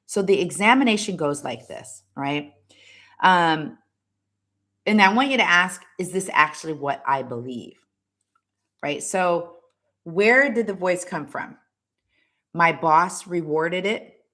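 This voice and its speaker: A woman's voice: lowish voice, animated, takes it slowly, pauses often, fairly bright tone. A woman hosting a motivational talk, speaking emphatically to her listeners, repeating words and tagging lines with "right?". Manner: preachy, direct address to the audience. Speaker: host.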